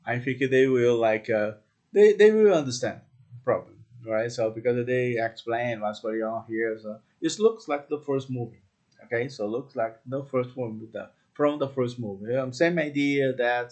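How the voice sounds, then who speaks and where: A man giving a casual movie review, speaking halting, simple English full of fillers and tagging his sentences with "okay?" and "right?". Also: medium pitch, a little mellow. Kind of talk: casual unscripted review talk.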